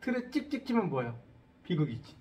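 At a moderate pace and a slightly high pitch, a middle-aged man leads an English lesson in Korean. He keeps the class lively by asking questions and joking.

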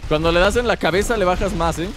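A man's voice: high voice, fast, over music. A man hosting a multiplayer game session, chatting and hyping up every hit. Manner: loud hype shouting at kills. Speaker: gamer host. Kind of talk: excited multiplayer gaming chat.

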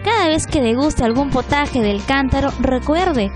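A woman with a high, light voice reads a scripted news feature in a smooth, even way. Music plays steadily behind her narration. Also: moderate pace. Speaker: reporter. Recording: background music under voice-over.

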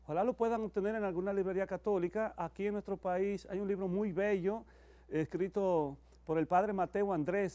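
High-pitched, mellow middle-aged priest. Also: male voice. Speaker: priest celebrating televised Mass. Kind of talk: homiletic announcements and liturgical blessing. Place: indoor chapel, at the altar.

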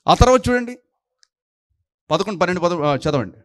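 High-voiced scolding male preacher. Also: expressive, a little fast, no echo, studio quality. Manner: scolding, fires rhetorical questions at the congregation. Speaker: pastor. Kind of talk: sermon.

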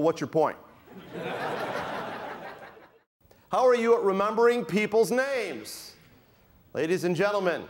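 A middle-aged man giving a keynote speech at a conference, joking with the audience and asking for a show of hands. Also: a little high. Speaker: keynote speaker. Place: conference hall with a live audience.

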